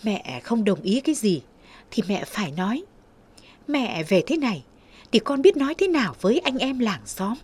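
A woman's voice: fairly high pitch, big pitch swings, moderate pace, a little mellow, breathy edge. A woman reading as an exasperated grown son. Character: middle-aged son, worried and exasperated.

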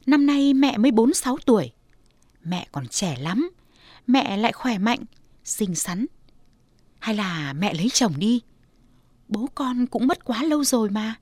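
A woman's voice: a little high, sing-song, measured pace, long pauses, dry recording. Woman doing a sweet coaxing young daughter. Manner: soft, pleading, teasing. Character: loving young adult daughter, gentle and coaxing.

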